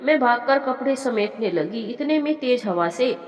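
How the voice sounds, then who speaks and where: A woman's voice: on the high side, lively intonation, normal speed, dull audio, natural voice. A woman voicing a protective, grieving village mother in a storybook tale, in an echoey room. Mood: soothing. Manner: soothing, then lamenting to God. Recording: echoey room with long reverb.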